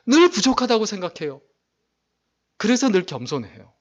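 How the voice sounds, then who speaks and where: A man preaching a sermon as pastor, reading scripture aloud in a raised declaiming voice and pressing his points with loud emphasis. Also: high voice, very animated, normal speed, dull audio.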